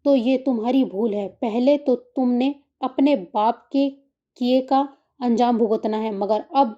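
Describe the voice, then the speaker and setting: A woman's voice: fairly high pitch, lo-fi sound, close to an everyday voice. A woman reading the lines of a brooding, vengeful young man who makes clipped, menacing threats, in an audiobook story. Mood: bitter.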